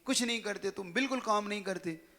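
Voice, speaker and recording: A man's voice: sits high, a little fast, bright, forceful tone, in a large hall. A man voicing an irritable male office boss who snaps and finds fault with his manager. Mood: scolding. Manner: snapping, fault-finding.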